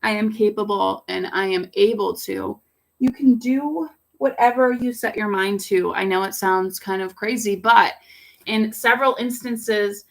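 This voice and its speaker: A woman yoga instructor guiding a home yoga class in a relaxed way, with a raspy voice and pollen congestion. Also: medium pitch, a little slow. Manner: relaxed, cueing poses with fillers. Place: home under construction. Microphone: laptop camera.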